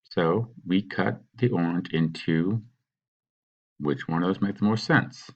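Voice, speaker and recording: A man teaching, patiently talking students through a worksheet and sounding out words slowly. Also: sits low, muffled recording. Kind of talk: recorded classroom walkthrough.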